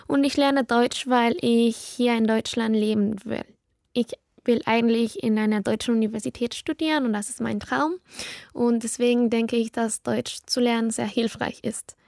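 A woman's voice: on the high side, fairly even intonation, normal speed, vocal fry, darkish tone, no room sound, studio quality. A woman of about nineteen from Ecuador, a native Spanish speaker with an Ecuadorian Spanish accent, talks earnestly in learner German about herself. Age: young adult, about 19. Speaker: German learner in a portrait interview. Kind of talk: personal portrait answers.

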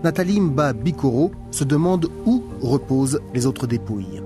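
A man hosting a radio magazine, reading a scripted news narration in a measured, formal way. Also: medium pitch, lively intonation, music in the background.

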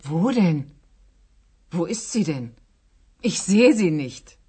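A puzzled, doubting mother in a radio drama. Her voice is mellow and somewhat husky, and she questions things slowly in bewilderment. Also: lowish voice, expressive, full character voice. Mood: puzzled, doubtful. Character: puzzled, sceptical mother of a boy. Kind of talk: language-course radio drama.

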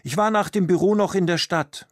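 A man voicing a cheerful, teasing husband in a slow read-aloud story. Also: sits high, dry recording, studio quality, pitched above the performer's own voice, lightly acted. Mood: breezy. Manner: breezy, joking.

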